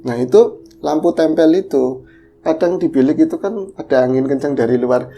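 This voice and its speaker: A man telling a horror story in a casual, animated chat. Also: a little high, moderate pace, slight background noise. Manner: animated, acts out the voices of characters. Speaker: podcast storyteller.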